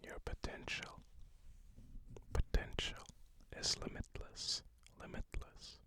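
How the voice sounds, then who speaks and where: A person whispering an ASMR pep talk of positive affirmations, repeating short phrases. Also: slow. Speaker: ASMR host.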